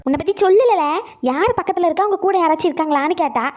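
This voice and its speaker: A woman's voice: very high voice, expressive, fast talker, a little mellow. A woman voicing a scheming, theatrical old grandmother in a cartoon comedy. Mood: dramatic. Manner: dramatic, theatrical scolding.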